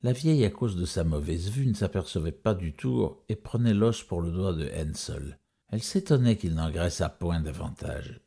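A man telling a fairy tale as a storyteller. His voice is very low, dark and husky. His intonation rises and falls widely. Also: expressive, moderate pace.

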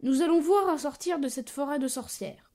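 A man doing a very high, eager little boy. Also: normal speed, darkish tone.

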